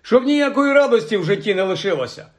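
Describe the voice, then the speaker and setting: Dry-witted teen boy, voiced by a man, sarcastic, raised pitch. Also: animated, quick pace. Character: wry teenage twin boy, joker.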